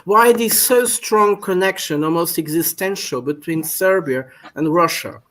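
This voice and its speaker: High-voiced man asking formal questions. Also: measured pace, a bit bright. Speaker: open mic call-in participant. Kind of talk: casual political discussion. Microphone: webcam video call.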